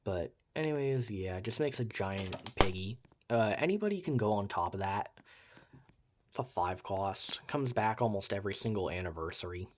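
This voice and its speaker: Young male reviewer with a lower voice, talking loosely over gameplay, with wry asides. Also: animated, normal speed, slight background noise. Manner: rambling, uses many fillers like "like" and "uh"; wry, mildly sarcastic asides. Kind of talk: casual game commentary over gameplay.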